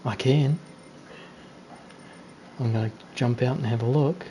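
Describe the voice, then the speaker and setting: A man from New Zealand streams an online race with a gaming headset, casually chatting and teasing other drivers. His medium-pitched voice is warm and his pace measured. The audio is poor, with slight background noise.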